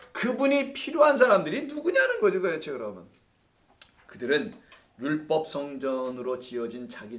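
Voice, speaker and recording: A man's voice: mid-range voice, a bit bright. A male pastor leading a Bible study sermon in a church, teaching in a conversational way, joking with the congregation and asking questions that he answers himself.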